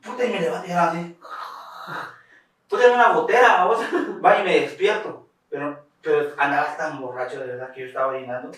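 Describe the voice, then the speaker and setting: A young man with a bright, lively voice, telling a story full of slang in casual chat. He sounds rather high for a man. The room is very echoey, and he is some way off the mic. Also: quick pace, distant mic. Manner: animated, laughing, slangy, acts out voices.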